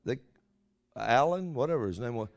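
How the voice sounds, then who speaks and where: A male preacher delivers an informal sermon on prophecy. His talk is folksy and rambling, sitting at a medium pitch. He often stops to put a rhetorical question to the people listening before carrying on. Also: lively intonation, normal speed, vocal fry.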